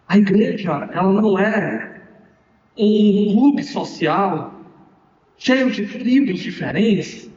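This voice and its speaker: A man's voice: high voice, darkish tone. A man with a Brazilian Portuguese accent, preaching a sermon as pastor and speaking emphatically with rhetorical questions. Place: church hall. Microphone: distant. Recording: echoey hall, distant mic, dull sound.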